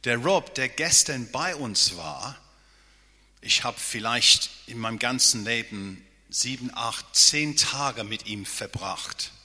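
A man's voice: mid-range voice, animated, takes it slowly, sharp tone, breathy edge. A man preaching a sermon as pastor, earnest and often checking in with his listeners with a questioning "ja?". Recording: long hall reverb.

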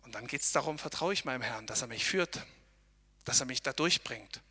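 Earnest male preacher, talks straight to the listener, sharp and tense tone, a long ringing echo. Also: medium pitch, expressive, normal speed, husky. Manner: earnest, addresses listeners directly with tag questions. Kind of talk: devotional talk while hiking. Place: outdoors on a mountain trail.

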